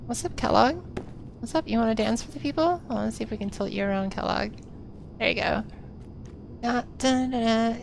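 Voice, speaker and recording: A woman's voice: on the high side, fairly quick, vocal fry, long pauses, slight background noise. A woman streaming a video game, chatting casually, laughing often and swearing freely. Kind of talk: casual gameplay commentary.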